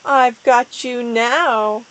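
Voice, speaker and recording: A woman's voice: fairly high pitch, fairly even intonation, drawn-out words, fairly bright tone, low-quality recording. A woman voicing an evil female cat villain who cackles and gloats. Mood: gloating.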